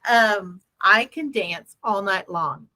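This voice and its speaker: A woman hosting a casual motivational business chat in an animated, playful, self-deprecating way, repeating phrases for emphasis. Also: medium pitch, takes it slowly. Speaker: host.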